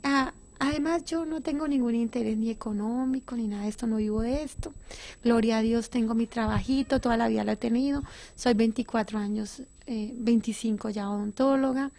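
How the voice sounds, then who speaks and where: A woman's voice: a little high, fairly quick, warm tone. A middle-aged woman giving an earnest, emotional personal testimony in an interview, often restarting and correcting herself.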